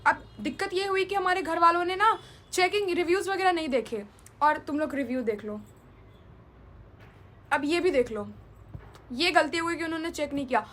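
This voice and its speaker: A young woman telling a travel story in a casual storytime vlog, chatty and animated, mixing in English words. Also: very high-pitched, moderate pace, long pauses. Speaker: vlogger.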